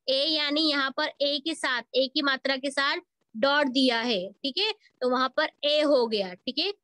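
A woman's voice: high-pitched, unhurried, pushed and bright. A woman teaching a school Hindi grammar lesson online, asking questions and answering them herself, mixing English words into her Hindi. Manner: asks questions and answers them herself, addresses pupils as beta. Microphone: video call recording.

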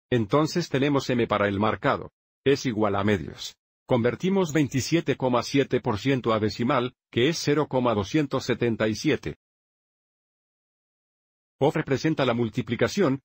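Male math teacher, steady and methodical, husky voice at a middle pitch. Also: dry recording, studio quality. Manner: steady, methodical step-by-step explaining. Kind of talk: dubbed math lesson narration.

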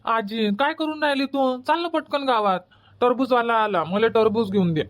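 Little cartoon boy, played by a man: whiny, pleading, pitched well up. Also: normal speed, fairly bright tone. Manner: whining, begging.

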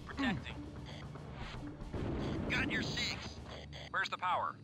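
Clipped in-game unit radio callouts. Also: male voice, sits high, sing-song, takes it slowly, loud music behind the voice, exaggerated voice. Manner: clipped, mechanical acknowledgments. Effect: distant in-game unit radio voice.

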